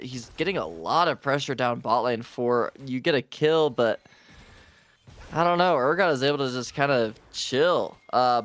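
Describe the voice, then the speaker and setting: A man's voice: fairly high pitch, a bit bright, no echo. A man doing color commentary on a video game match, casual and sarcastic, calling his partner bro.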